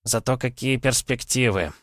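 A fretful, whining grapevine spirit, as a man puts him on, his voice pushed up high and sounding aggrieved. He grumbles and protests in an audiobook with dry, close sound. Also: steady tone, a little fast, fairly bright tone, no room sound, lightly acted. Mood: indignant. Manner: complaining, exasperated.

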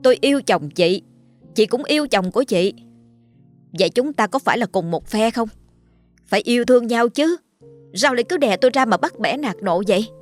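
A woman voicing a young second wife who speaks calmly but firmly and cuttingly. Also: a little high, a little fast, long pauses, soft background music, voice pushed up, natural voice. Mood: defiant. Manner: calm but firm, cutting. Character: young, firm second wife, protective mother.

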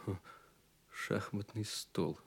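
A man's voice: on the low side, fairly even intonation, slow, vocal fry, breathy edge, full character voice. An actor playing a noble, chivalrous young king full of earnest wonder, in a theatrical Soviet audio play style. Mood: awed wonder. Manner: theatrical, hushed wonder, exclamatory questions.

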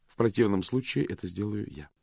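A man's voice: lowish voice, fairly quick, vocal fry, dark tone, no echo. A male reader voicing a cold, cutting woman in a dry, close recording. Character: cold, mocking, unyielding woman.

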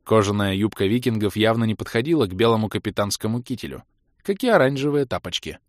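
A male audiobook narrator with an even, wry storytelling manner. The recording is dry and close, with no room sound around the voice. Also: on the low side, fast talker, no echo. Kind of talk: scripted narration.

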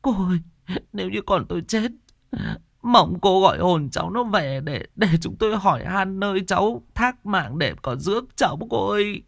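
A man's voice: high voice, lively intonation, normal speed, vocal fry, no echo, clean studio sound, voice pushed up, full character voice. A man putting on a grieving, pleading mother. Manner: pleading, tearful. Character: grieving middle-aged village mother, desperate.

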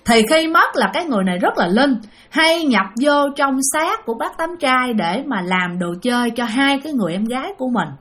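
In a high, brisk voice, a woman with a Southern Vietnamese accent narrates a ghost story, chatty and animated, often turning to speak to her listeners.

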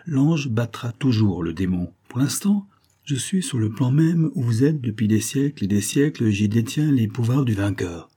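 A man's voice: medium pitch, animated, normal speed, dark tone, husky, voice pushed up. A man voicing a stern elderly scientist who speaks in solemn, commanding pronouncements, read in an audiobook. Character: stern elderly male scientist wielding occult power.

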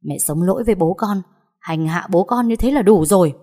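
A woman's voice: sits low, moderate pace, dark tone. A woman voicing an earnest grown son who pleads with and then scolds his mother, in a storybook reading. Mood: scolding.

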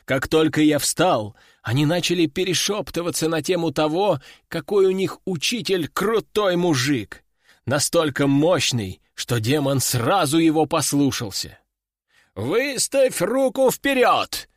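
A man giving an expressive, sardonic audiobook narration. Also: fairly high pitch, a little slow, no room sound, clean studio sound.

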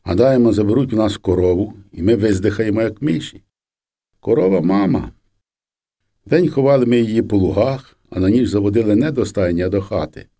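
Mellow-voiced man reading an audiobook. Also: fairly low pitch, a little fast. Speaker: audiobook reader. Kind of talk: audiobook narration of a memoir.

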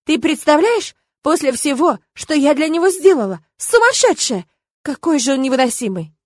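A woman's voice: lively intonation, brisk, darkish tone, no echo. A woman voicing a young, hot-tempered and easily offended girl who bursts out indignantly in an audiobook. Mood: outraged. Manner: shrill indignant outbursts. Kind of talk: audiobook character voice.

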